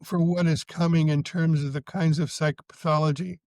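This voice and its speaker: A man guest talking thoughtfully and measuredly in a casual podcast conversation, slowing down on key points. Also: a little high, flat delivery, darkish tone, no room sound. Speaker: psychotherapist guest.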